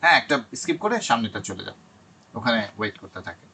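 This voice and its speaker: Guy teaching an online class, bright voice, reads english bits slow. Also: lowish voice, big pitch swings, slight background noise. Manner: reads English tips slowly, explains in Bengali. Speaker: IELTS teacher. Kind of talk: online lesson.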